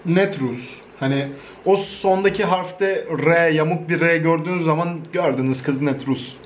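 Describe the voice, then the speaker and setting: Joking young Turkish man, high voice. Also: moderate pace, slight background noise. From Turkey. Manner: joking, swears freely, laughs often. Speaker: YouTuber. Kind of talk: casual vlog commentary.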